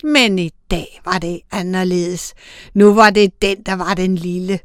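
Smooth-voiced woman reading a story. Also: lowish voice, no room sound, studio quality. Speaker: narrator.

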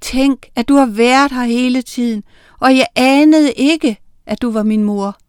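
A woman's voice: high voice, clear, resonant tone, no echo, clean studio sound, pitched above the performer's own voice, close to an everyday voice. A woman voicing an eager young witch girl. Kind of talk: reading a children's story aloud.

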